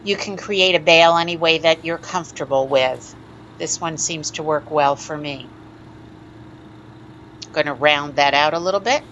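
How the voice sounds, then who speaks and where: A woman talks through a hands-on glassworking demonstration in a calm, methodical teaching voice. Her voice sits a little low, and the recording is slightly muffled, with a faint hiss underneath. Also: a little slow, pauses often. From United States. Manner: calm, instructive, methodical explanations. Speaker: glass artist teaching a lampworking demo. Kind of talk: step-by-step tutorial narration.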